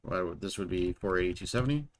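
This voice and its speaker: Low-voiced man muttering while editing. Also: lively intonation. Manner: muttering, half to himself, unhurried. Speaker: streamer editing a video. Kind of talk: thinking aloud while editing.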